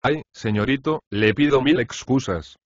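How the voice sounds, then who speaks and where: A man's voice: medium pitch, a little slow, no room sound, close to an everyday voice. A poor, self-pitying cook, read by a man. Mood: complaining. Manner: complaining and pleading. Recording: dry, slightly dull audiobook recording.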